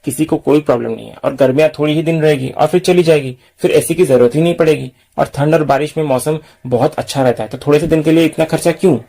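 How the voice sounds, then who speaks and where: A man's voice: a little high, quick pace, gravelly, hardly any pauses, dark tone. A man reading a frugal lecturing father. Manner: reasoning, lecturing. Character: frugal middle-aged father, proud, lecturing.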